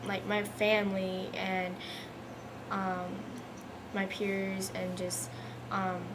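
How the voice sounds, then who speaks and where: A woman's voice: medium pitch, monotone, drawn-out words. A teenage girl speaking earnestly with many fillers in a documentary interview. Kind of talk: personal testimony in a documentary interview. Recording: noisy ambient background.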